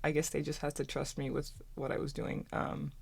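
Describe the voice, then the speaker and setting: Her deep, monotone voice is creaky with a breathy edge, and she speaks a little fast. She's a twenty-something student co-host from Turkey and a native German speaker, telling her story in a chatty, conversational way full of restarts.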